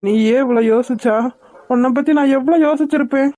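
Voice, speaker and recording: A woman's voice: high voice, fast talker, dark tone, no echo, natural voice. A woman voicing a persistent young man in a cartoon, teasing and puzzled by his beloved. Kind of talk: cartoon voice acting.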